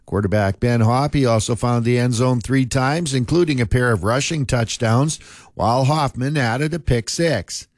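A man's voice: mid-range voice, no room sound. Man reading local news, dry sound. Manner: steady, measured delivery. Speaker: news anchor.

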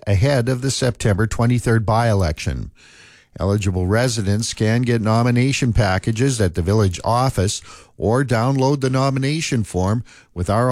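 A man reading scripted local news and sports in a steady, measured delivery. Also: on the low side, no echo, clean studio sound. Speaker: news anchor.

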